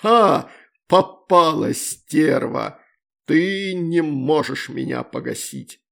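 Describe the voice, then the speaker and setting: A man reading an audiobook, voicing a proud, drunk male demon lord who drawls and turns loud and accusing. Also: medium pitch, gravelly. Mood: furious. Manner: slow, loud, accusing and pleading.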